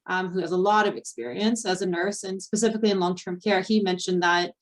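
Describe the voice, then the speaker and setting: A woman's voice: on the low side, fast. A young adult woman presenting a slide webinar, explaining step by step with frequent ums and fillers. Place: Ontario.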